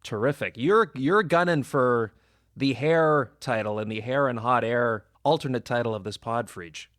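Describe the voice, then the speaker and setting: A man's voice: medium pitch, moderate pace, fairly bright tone. A man hosting a podcast, opening the show and teasing his co-host in casual banter. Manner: teasing, upbeat.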